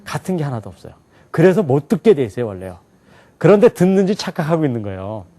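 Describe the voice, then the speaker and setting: Male lecturer, lively rising and falling delivery, quizzes the room. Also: a little high, quick pace. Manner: animated, asks the class questions and answers them himself. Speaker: English teacher. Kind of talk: lecture to a live class.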